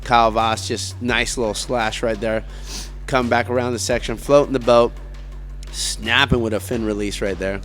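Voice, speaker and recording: A man's voice: mid-range voice, fairly even intonation, moderate pace, a bit bright, soft background music. A man doing live surf contest commentary as an announcer, in a laid-back, slangy surfer way of talking.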